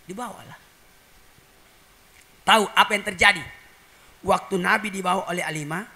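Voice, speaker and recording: A man's voice: sits high, bright, forceful tone. A man preaching a humorous sermon, telling a story and acting out voices and animal sounds for the congregation. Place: religious gathering.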